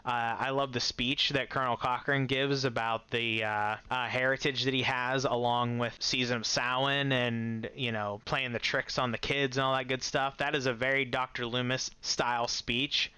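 Bright, crisp-voiced man chatting eagerly. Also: medium pitch, little pitch movement, moderate pace, hardly any pauses, no room sound. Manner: enthusiastic, chuckling often, rambling with restarts. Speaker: movie reviewer. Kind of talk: casual ranking commentary.

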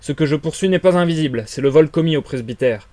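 Storybook role: dogged village constable, raised loud insistent voice, dry close sound, read by a man. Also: fairly high pitch, fast, no echo, voice pushed up, natural voice. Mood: firm. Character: stubborn village police constable, dutiful. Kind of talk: audiobook character reading.

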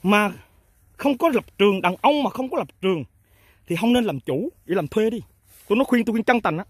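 A man's voice: high-pitched, animated, brisk, husky, dry recording. A man with a Southern Vietnamese accent, the founder of a fertilizer company, speaking off the cuff to farmers and agents in a blunt, emphatic way full of rhetorical questions. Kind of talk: off-the-cuff talk to his customers.

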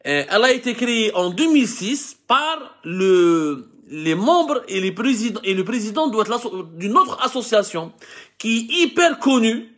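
A man's voice: sits high, big pitch swings, normal speed, a bit bright. An Algerian man with an Algerian accent hosting a live show, explaining to viewers in a lecturing way, with many restarts and lists. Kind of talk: talking to camera, explaining to viewers.

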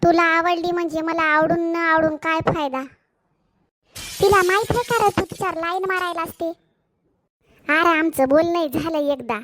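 A woman's voice: very high-pitched, a bit bright. A woman voicing a cheeky, gossipy schoolboy in a cartoon, speaking an in a teasing way. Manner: teasing, nosy, fast banter. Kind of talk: cartoon voice acting.

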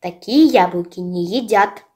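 A woman reading a storybook aloud, voicing a pompous older crow who lectures the others in a lowered, commanding voice. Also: measured pace, darkish tone, lightly acted. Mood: stern. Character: stern old know-it-all crow.

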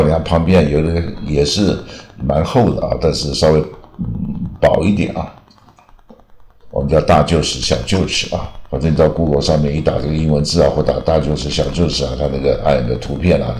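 A very deep-voiced older man teaches English words in a loose, rambling way, ending phrases with a drawn-out "ah". The sound is roomy and echoey. Faint keyboard typing sits behind him. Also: a little mellow. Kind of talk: explaining vocabulary lesson.

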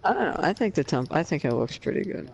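A man's voice: a little high, lively intonation, fast talker, gravelly, husky. A man with an Australian accent giving dry, matter-of-fact answers while gaming with friends. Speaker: gamer streaming with friends. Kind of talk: casual gaming banter. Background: music.

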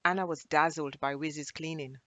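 A woman reading a children's storybook aloud in a gentle, expressive way. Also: low voice, brisk, dry recording.

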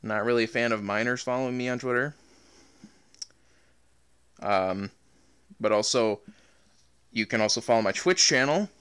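A man's voice: medium pitch, moderate pace, long pauses, a bit bright, clear, resonant tone. A man who makes gaming videos, chatting casually and rambling with many fillers and restarts. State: out of breath. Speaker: gaming YouTuber. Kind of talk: casual outro talk to viewers.

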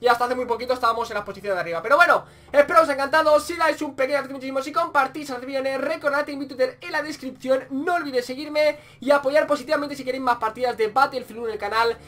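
A young man with a Spain Spanish accent giving excitable gameplay commentary, repeating phrases in quick bursts. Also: very high voice. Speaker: gaming YouTuber.

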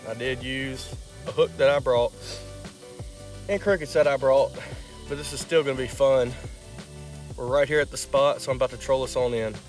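Music plays behind this young fishing vlogger, whose mid-range voice stays steady at a normal speed, broken by frequent pauses. Talking to a phone camera held at arm's length, he narrates casually and chattily while he works, fishing from a boat on a lake and from a wooded bank.

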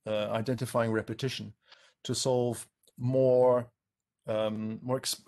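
A man's voice: medium pitch, gravelly, a little mellow. A man, an expert on a panel over a video call, explaining at length with many ums and restarts.

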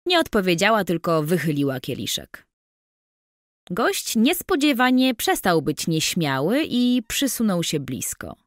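Measured woman reading an audiobook, unhurried, dry studio sound. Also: fairly low pitch, big pitch swings, no echo. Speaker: audiobook narrator. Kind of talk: scripted audiobook narration.

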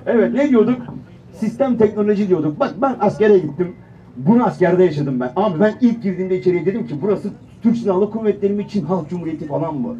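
High-voiced man telling comic stories in a hall. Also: fast. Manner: animated, acts out quoted voices. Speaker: stand-up storyteller, radio presenter. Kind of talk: comic storytelling on stage. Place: event hall. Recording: echoey hall, far from the mic, dull sound.

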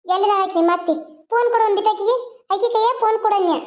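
A caring, protective mother in a village cartoon, voiced by a woman, comforting her daughter in a very high, quick voice. She, and the recording is dull and lo-fi. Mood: soothing. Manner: comforting, pleading.

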